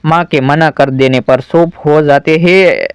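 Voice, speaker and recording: A helpful young brother-in-law, as a male storyteller reads him in a storybook tale. The voice is slightly high and clear, with a dry sound. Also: fairly even intonation, measured pace, dry recording. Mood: earnest. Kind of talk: storybook narration.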